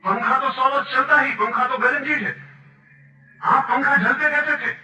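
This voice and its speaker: A man voicing a sly, smooth-talking street peddler who sells fans. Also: very high-pitched, moderate pace, pushed and bright, voice pushed up, full character voice. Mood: glib. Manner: glib and unflustered. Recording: echoey, distant, with faint music.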